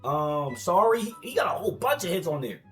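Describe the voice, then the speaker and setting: A young American man giving casual, slangy reaction commentary in an animated, argumentative, repetitive way. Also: high voice, brisk, soft background music. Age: young adult. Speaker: commentator reacting to social media posts.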